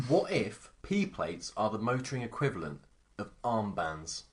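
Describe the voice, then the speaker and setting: A man's voice: on the low side, very animated, a little slow. A man co-hosting a podcast, joking and teasing the others in casual chat. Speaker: podcast co-host.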